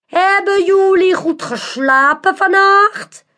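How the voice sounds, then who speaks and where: A woman's voice: very high voice, pushed and bright, pitched above the performer's own voice, exaggerated voice. A woman voicing a sly, theatrical male circus magician in a children's storybook, drawing out every word like a showman. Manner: slow, drawn-out, showman's delivery. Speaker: audiobook narrator.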